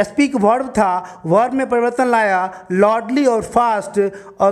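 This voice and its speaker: A man teaching English grammar, patiently explaining and asking questions that he answers himself. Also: sits high. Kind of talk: classroom grammar lesson.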